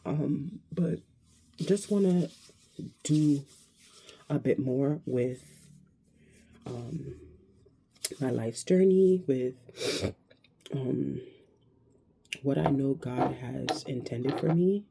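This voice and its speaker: A woman in her thirties talking to camera in a casual, reflective vlog, hesitant and searching, with many pauses and restarts. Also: extremely low pitch, vocal fry, dark tone, breathy edge. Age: 30s. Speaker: vlogger.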